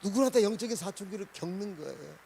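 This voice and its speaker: Korean pastor preaching, questioning the flock. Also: male voice, high voice, expressive, fast talker, gravelly, a little hiss or hum, poor audio. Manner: asks the congregation questions, swings between loud and quiet. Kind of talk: sermon.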